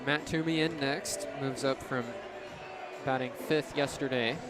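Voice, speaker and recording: A man in his twenties narrates a baseball game live on radio in clipped descriptions, with crowd and outdoor ballpark sounds plus loud music behind him. He keeps a steady tone at a medium pitch and a measured pace.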